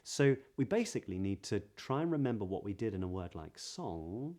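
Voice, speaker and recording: A man with a modern southern British accent speaks in a fairly low, soft-edged, relaxed voice. He is a voice coach giving a pronunciation lesson, and he enunciates examples with deliberate care. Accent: modern southern British English. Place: small plain room indoors.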